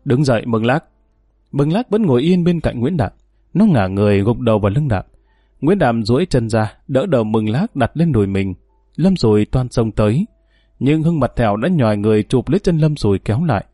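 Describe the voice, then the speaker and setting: A man narrating a story audiobook in a steady, even storytelling manner. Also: mid-range voice, fairly quick, dry recording, studio quality, soft background music.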